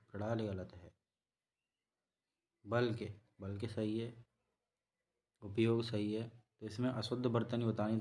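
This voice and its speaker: Man, teacher, exam-prep lesson, slow and repetitive, low voice. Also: darkish tone. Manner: slow, repetitive explaining, self-correcting. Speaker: Hindi teacher.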